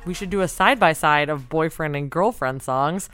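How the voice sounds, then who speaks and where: A young adult woman co-hosting a music chart podcast, upbeat and quick to laugh as she interviews guests. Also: low voice, a bit bright. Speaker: podcast co-host. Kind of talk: casual chat and interviewing.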